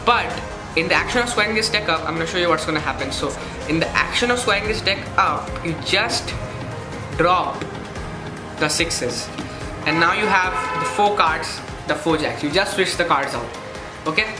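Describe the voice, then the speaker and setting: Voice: mid-range voice, lively intonation, moderate pace. A presenter walking through a card trick step by step in an instructional way, often checking in with "okay". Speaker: magic tutorial presenter. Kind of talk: step-by-step demonstration and tutorial. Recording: roomy echo with faint music.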